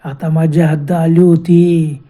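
A man putting on a gruff, hoarse giant ghost. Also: a little high, little pitch movement. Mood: menacing. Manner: slow, loud, threatening.

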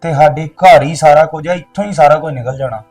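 A man's voice: on the high side, a little fast, a little mellow, faint music behind, lightly acted. An actor playing a young soldier husband who answers his wife in a curt, guarded, dismissive way.

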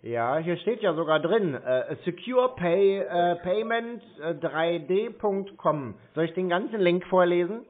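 A man's voice: sits high, lively intonation, measured pace, hardly any pauses. A man stringing along a scam caller on the phone, playing dumb, stalling and teasing. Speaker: scam-baiting call recipient. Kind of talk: prank phone call. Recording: tinny phone line.

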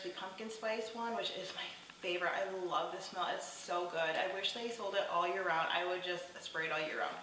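A woman in her thirties talks in a loose, rambling way, filling her sentences with "like" and "um". Her voice is bright and forward. She sounds a little far from the microphone, in a very echoey home kitchen with a faint hiss behind her. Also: medium pitch. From New York state. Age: 30s. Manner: chatty, rambling, lots of "like" and "um". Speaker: lifestyle vlogger. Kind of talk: casual clean-with-me voice-over. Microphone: far camera.

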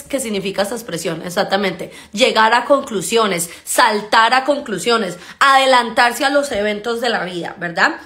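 An upbeat woman teaches a live online English mini-lesson, her voice sitting a little high. She coaxes her viewers along with frequent "ok?" check-ins. She stretches out English sounds slowly for them to copy. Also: sharp tone. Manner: drawn-out slow demonstrations of English sounds.

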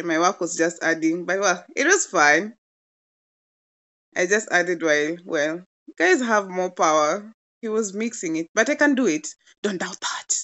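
A cooking vlogger in her twenties narrates a home cooking demo, chatting casually, playfully gushing over the food. Her voice sits fairly low and sounds a little bright, though the audio is dull.

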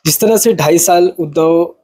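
A male news reporter puts long, winding questions to a candidate, pausing on fillers. His voice is husky and mellow, with a slightly high pitch.

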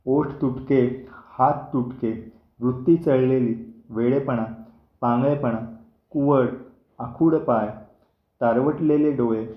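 Man reading a long list steadily. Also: mid-range voice. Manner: plain even reading, item after item. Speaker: reader of a devotional text translation. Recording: dull roomy home recording.

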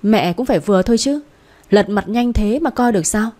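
A woman's voice: mid-range voice, lively intonation, a little fast, warm tone, natural voice. Resentful sister-in-law, bitter complaints, voiced by a female narrator.

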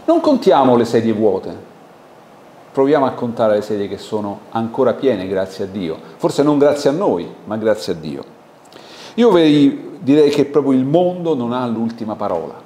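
A man with an Italian accent preaching a sermon in a lively, conversational way, asking the congregation questions. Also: mid-range voice, moderate pace. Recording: echoey church hall with faint background noise.

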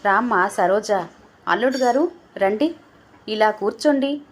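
A woman voicing a kind older mother who soothes her family, lifting her voice higher for her in a storybook reading. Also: a little slow, natural voice. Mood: gentle caring. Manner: soothing, affectionate. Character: gentle caring older mother, peacemaker.

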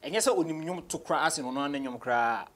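Seated on a couch in a small radio studio office, a young Ghanaian rapper casually tells stories during an interview, mixing English with Twi. His voice sits on the high side and is fast and animated.

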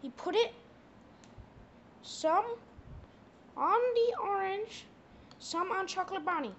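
A young man voices Mickey Mouse as a bumbling, foul-mouthed cook, fumbling through a comedy skit with a plush toy. His put-on voice is very high and squeaky, swinging up and down a lot, slow, a bit bright, expressive and exaggerated as he drawls and swears. The goofy clip comes from a noisy, lo-fi home video.

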